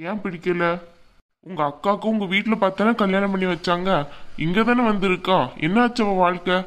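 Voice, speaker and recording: A woman's voice: mid-range voice, steady tone, brisk, close to an everyday voice. A woman voicing an older male father-in-law in a cartoon, firm and fatherly. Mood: reasoning. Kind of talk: cartoon voice acting.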